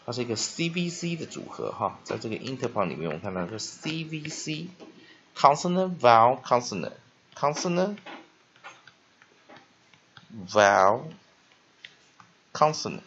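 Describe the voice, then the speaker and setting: A man teaching English pronunciation, breaking words into syllables slowly and reading text aloud in a steady, deliberate way. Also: medium pitch, dull audio, a little hiss or hum. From Taiwan. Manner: drills words slowly syllable by syllable, then reads aloud loudly. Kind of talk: spelling and pronunciation lesson.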